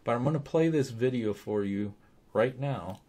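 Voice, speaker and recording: A man co-hosting a paranormal vlog in casual conversation, stretching words for emphasis in a halting way. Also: medium pitch, mellow. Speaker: paranormal show co-host. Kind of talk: casual two-host vlog discussion.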